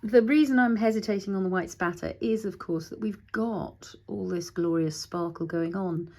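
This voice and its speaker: A woman's voice: fairly low pitch, normal speed, a little mellow. A middle-aged woman hosting a casual craft tutorial, chatting as she works, thinking aloud and talking to her materials, sometimes dropping to a whisper.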